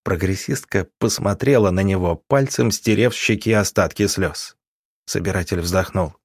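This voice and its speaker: A man narrating an audiobook in a measured, even way. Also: low voice, no echo, clean studio sound.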